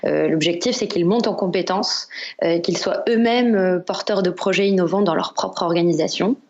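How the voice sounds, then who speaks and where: A woman's voice: lowish voice, normal speed, darkish tone, highs cut off. A woman from Algeria, a guest entrepreneur in a podcast interview, explaining her work with many hesitations.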